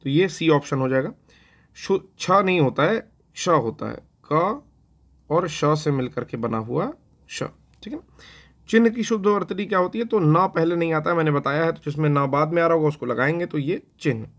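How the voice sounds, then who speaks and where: A man's voice: a little high, expressive, moderate pace. Chatty man teaching spelling. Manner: conversational, repeats "theek hai na" often; talks to himself while writing on a board. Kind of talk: exam-prep lesson on Hindi spelling.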